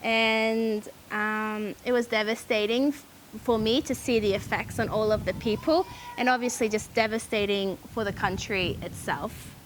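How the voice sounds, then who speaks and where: A young Australian woman telling her story casually and hesitantly, with frequent ums and pauses. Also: mid-range voice, fairly even intonation, slight background noise, rough recording. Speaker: charity founder.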